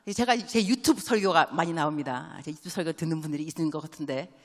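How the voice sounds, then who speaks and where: A deep-voiced woman missionary gives a church sermon full of animated stories, quick call-and-response questions to the congregation, and English phrases dropped into her speech. The large sanctuary gives the recording a long hall reverb.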